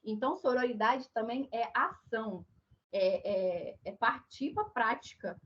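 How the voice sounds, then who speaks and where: A Brazilian woman delivers an online lecture in a fairly high voice that is hoarse and duck-like from flu. She explains in a didactic way and often checks in with listeners. The audio is dull and muffled, as on an online call. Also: measured pace. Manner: didactic, frequent check-in tags. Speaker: lecturer giving a talk. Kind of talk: online lecture on social issues.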